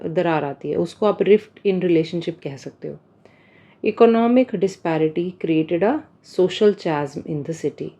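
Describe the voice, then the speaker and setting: A woman teaching exam vocabulary in a patient lecture, explaining words slowly and asking her students questions. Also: on the low side, dark tone.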